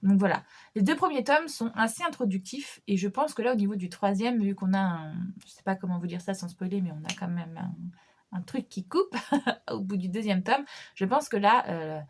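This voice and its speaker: A woman's voice: medium pitch, normal speed, breathy edge. A young woman vlogging casually about her reading list, chatty, with frequent fillers, restarts and small laughs. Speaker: book vlogger. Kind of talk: casual chat about books.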